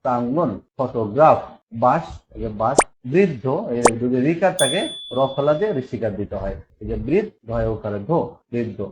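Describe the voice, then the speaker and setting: A man gives a classroom lesson on pronunciation, breaking words apart step by step and repeating them slowly so pupils catch each sound. His voice sits at an ordinary middle pitch. The recording is a little muffled and lo-fi, with a faint hiss underneath. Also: very animated. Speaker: teacher. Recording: slightly dull lo-fi recording with faint noise.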